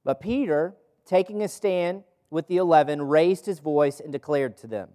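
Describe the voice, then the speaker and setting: A man with a warm voice on the high side, speaking at normal speed, leads a Bible study for a gathered group. He reads from scripture and preaches in a conversational way, using rhetorical questions and repetition for emphasis.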